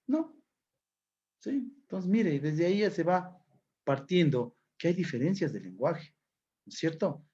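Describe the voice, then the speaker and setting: A man's voice: a little high, dark tone, breathy edge. A man giving a classroom lecture, explaining step by step and often checking in with his listeners. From Ecuador. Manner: explanatory, frequent checking questions. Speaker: teacher. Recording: dull lo-fi recording.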